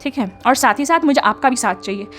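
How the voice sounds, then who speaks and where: High-pitched young woman doing tarot guidance, chatty, keeps asking ok?. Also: expressive, fast talker, a bit bright, faint music behind. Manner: chatty, mixes English into talk, frequent tag questions. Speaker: tarot reader. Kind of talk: casual spiritual guidance.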